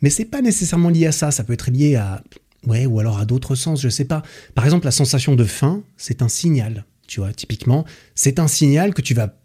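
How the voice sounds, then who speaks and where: Male podcast host, dark husky tone, chatty and enthusiastic, slangy, lots of fillers. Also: medium pitch, animated, a little fast. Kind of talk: casual book summary.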